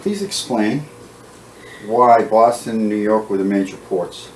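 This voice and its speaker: A man's voice: on the low side, unhurried, slight background noise. A man acting as interviewer, asking questions and adding comments in casual conversation. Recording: roomy, distant mic.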